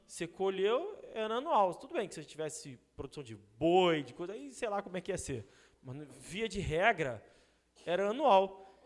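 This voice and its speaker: A Brazilian man with a Brazilian Portuguese accent, teaching a Bible study in a relaxed, conversational way, often adding "né?" to check that his listeners follow. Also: sits high, long reverb tail. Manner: conversational, frequent rhetorical "né?" asides. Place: church hall.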